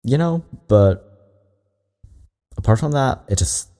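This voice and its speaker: Hosting a reaction video, a medium-pitched man talks slowly and casually, rambling through asides and laughing along the way.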